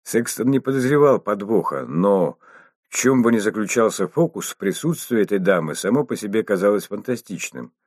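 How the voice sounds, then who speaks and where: A man narrating an audiobook in a steady, measured reading style. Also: lowish voice, dry recording, studio quality. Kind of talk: scripted narration.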